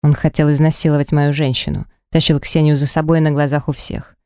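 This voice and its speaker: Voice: mid-range voice, little pitch movement, a little fast, a little mellow, clean tone, no echo, clean studio sound, close to an everyday voice. A narrator voicing a furious, protective powerful man who speaks hard and clipped, in an audiobook. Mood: stern. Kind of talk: audiobook character voice.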